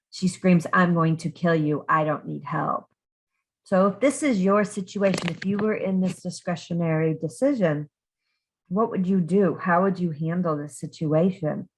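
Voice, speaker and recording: Woman teaching a lecture, low voice. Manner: conversational, asks many questions, frequent ums and restarts. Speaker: criminal justice instructor. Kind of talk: recorded online lecture.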